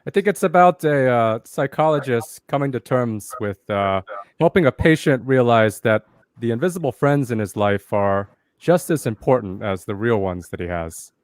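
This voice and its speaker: Calm deadpan man, dry close sound. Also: mid-range voice, moderate pace, no echo. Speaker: guest. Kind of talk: casual group chat.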